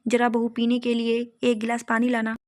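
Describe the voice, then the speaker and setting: A strict, controlling mother-in-law from a storybook tale, put on by a woman narrator. She talks in a scolding, bossy way, in a fairly high voice with little rise and fall. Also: completely flat delivery, moderate pace, close to an everyday voice.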